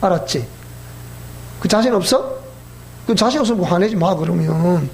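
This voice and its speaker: Folksy Gyeongsang Korean preacher. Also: male voice, sits high, normal speed, creaky, a little hiss or hum. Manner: folksy, animated storytelling with acted-out voices. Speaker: pastor. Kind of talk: sermon.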